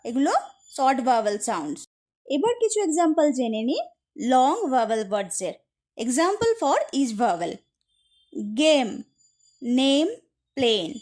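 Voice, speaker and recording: Woman teacher explaining a lesson, high voice, bouncy sing-song delivery, says the example words slowly one by one. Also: a little mellow. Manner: addresses listeners as friends, repeats example words slowly and clearly. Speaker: English teacher. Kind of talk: explaining a grammar lesson to students.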